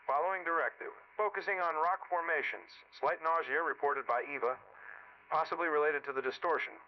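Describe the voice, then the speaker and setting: A clipped, procedural astronaut commander, played by a man, reports from a lunar cave in a radio play. His somewhat high voice comes through a muffled, lo-fi space radio transmission. He signs off every report with "over.". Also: brisk, slight background noise. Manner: terse, procedural, ends each report with "over".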